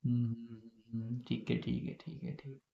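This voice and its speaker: A man's voice: medium pitch, fairly even intonation, normal speed, creaky. A man teaching a chemistry class, coaxing students with repeated questions, his voice a little heavy from being unwell. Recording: dull, muffled lo-fi sound.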